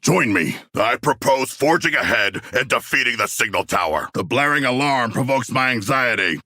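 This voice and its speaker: A male actor voicing a huge, earnest, literal-minded shark-man warrior in a video game, with a deep, gravelly voice and formal, stilted phrasing. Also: lively intonation, moderate pace, sharp tone, dry recording. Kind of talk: video game character voice lines.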